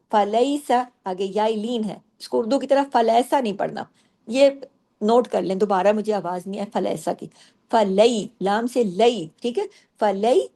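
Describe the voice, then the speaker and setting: A woman with a fairly high voice teaches recitation, splitting each word into its syllables and saying them again and again. She asks herself why and answers at once, in the steady way of a patient teacher. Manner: breaks words into syllables and repeats them slowly; asks and answers her own questions. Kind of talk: tajweed lesson explaining pronunciation.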